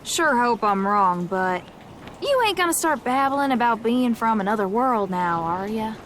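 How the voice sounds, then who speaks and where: An actress playing a gruff, wary young gunslinger in a video game, stubborn and world-weary, with a blunt, folksy Southern US drawl. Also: female voice, on the high side, animated, measured pace, a bit bright, a little hiss or hum. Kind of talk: video game character acting.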